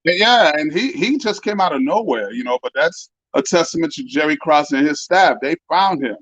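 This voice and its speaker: A man's voice: a little high, lively intonation, moderate pace, a bit bright, no room sound. A man in his fifties, a former basketball player turned coach, chatting as a guest over a video call with a spotty connection. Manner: easygoing, rambling storyteller. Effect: heard over a video call with a spotty connection. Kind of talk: casual interview chat. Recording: dull lo-fi video call audio, dry.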